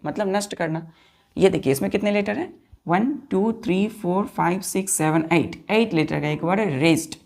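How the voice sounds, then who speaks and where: A woman teaches English vocabulary in a classroom-style lesson, spelling each word out letter by letter, quizzing her pupils, and addressing listeners as children. Her voice is fairly low and a little mellow, with some vocal fry.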